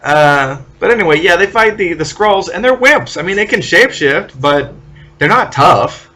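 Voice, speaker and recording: A man talks casually as a podcast co-host, walking through comic book plots in an animated way. He sometimes drops into short acted-out lines for the characters before going back to his own voice. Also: high voice. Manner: animated, acts out characters' lines in quick asides.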